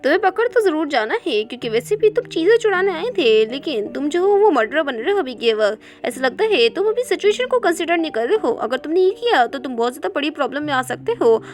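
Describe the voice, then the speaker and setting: A woman reading the lines of a calm, detached young man in a storybook recap. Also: high voice, fast, few pauses, faint music behind. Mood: cool. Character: young man, cool and unbothered.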